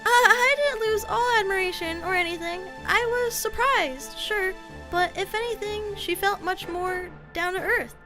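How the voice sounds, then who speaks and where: Loud music sits behind a woman's very high voice as she speaks a little slowly. She performs manga dub dialogue in anime style as a shy middle-school girl who is polite and frank, sounding earnest and hesitant.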